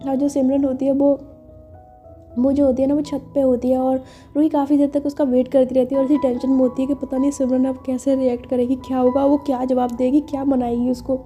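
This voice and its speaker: A woman's voice: sits high, flat delivery, brisk, warm tone, faint music behind. A woman telling a romance story in a chatty, casual way with frequent fillers.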